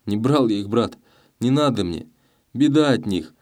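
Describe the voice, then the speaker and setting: A man's voice: lowish voice, lively intonation, moderate pace, a little mellow, voice pushed up, lightly acted. A man voicing a humble, tearful young peasant in an audiobook, pleading meekly. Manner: pleading, meek. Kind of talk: audiobook character voice.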